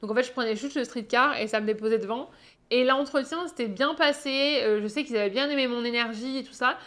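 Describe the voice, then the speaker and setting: Young french woman vlogging, chatty, says euh a lot, voice a bit on the high side. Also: brisk, fairly bright tone. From France. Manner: chatty, frequent "euh" fillers. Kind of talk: casual storytelling to camera.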